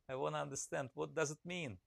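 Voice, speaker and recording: A slightly high, gravelly voice with a Russian accent belongs to a woodcarving teacher chatting casually on a live stream. He rambles with plenty of fillers, greets viewers by name, and reads their comments aloud, in studio-quality sound with no echo.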